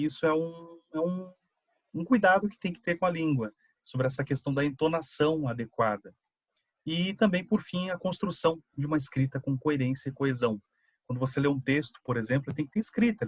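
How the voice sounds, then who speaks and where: A man's voice: on the high side, no room sound. Man explaining in a chatty seminar talk. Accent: Brazilian Portuguese. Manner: conversational, explaining with examples and filler "né". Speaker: student presenter. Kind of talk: online seminar presentation.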